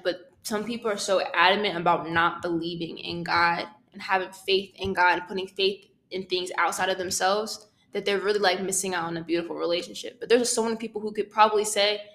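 A woman's voice: medium pitch, a bit bright. Young woman in rambling faith chat. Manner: rambling, self-correcting, laughs often. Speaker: podcast co-host.

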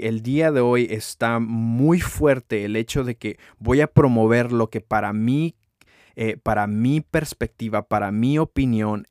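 A man's voice: fairly low pitch, dry recording, studio quality. A man, hosting a podcast, tells a story casually with many fillers, then reflects on scripture. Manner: relaxed, many fillers, acts out quoted speech. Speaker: podcast host.

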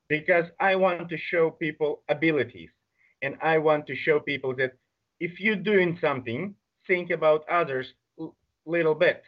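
Higher-pitched man with a Belarusian accent. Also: dull audio. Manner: halting, non-native English phrasing. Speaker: interview guest, adaptive sports organiser. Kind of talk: conversational interview answers.

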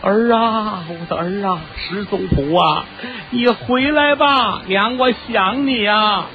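A man voicing an old mother who cries out for her lost son in a slow, drawn-out lament. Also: sits high, dull audio, music in the background. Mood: wailing. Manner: wailing, drawn-out crying lament.

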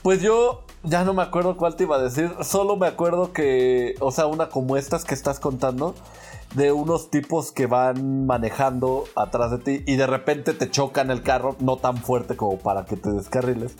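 A man with a Mexican accent, co-hosting a casual podcast, relaxed and slangy and often chuckling as he talks. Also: mid-range voice, moderate pace, faint music behind. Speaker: podcast co-host.

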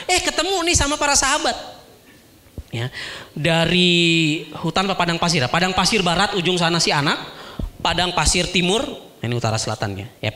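Lively, high-voiced storytelling preacher. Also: male voice. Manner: animated, acts out voices. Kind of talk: storytelling sermon.

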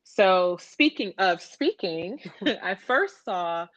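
A woman's voice: medium pitch, lively intonation, slow, no room sound, muffled recording. A woman hosting a podcast interview, chatty and upbeat as she introduces her guest and asks questions. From Atlanta, USA. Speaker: podcast host.

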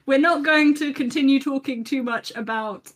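High-voiced woman in casual podcast chat. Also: moderate pace. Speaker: podcast co-host.

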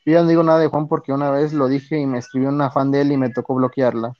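A man with a Mexican accent streams casually, talking fast in a mid-range voice with little pitch movement. His speech is slangy and profane as he reads and answers chat. The sound is dull, lo-fi and dry with no room sound, and faint music plays behind him.

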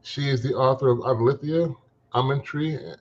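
A man's voice: medium pitch, normal speed, muffled recording. A man co-hosting a podcast, chatting casually and thinking aloud with many fillers. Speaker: podcast co-host. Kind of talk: casual chat.

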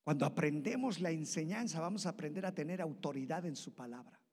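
A male pastor preaching a sermon, leaping into loud high bursts and then dropping to a hush. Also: lively intonation, a little fast. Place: church hall. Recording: long church reverb.

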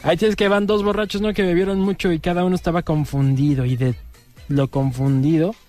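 A man's voice: on the high side, steady tone, a little fast, a little mellow, faint music behind. A man with a Mexican accent hosting a radio joke segment, playful and laughing at his own jokes. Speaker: radio comedy host.

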